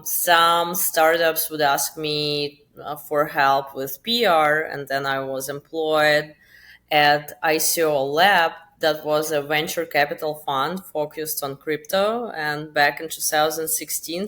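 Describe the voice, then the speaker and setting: Woman, late 20s-30s, Russian accent, deep for a woman, chatty guest. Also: steady tone, takes it slowly, fairly bright tone. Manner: chatty, many fillers like "like" and "um". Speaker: guest, crypto marketing founder. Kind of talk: casual interview talk.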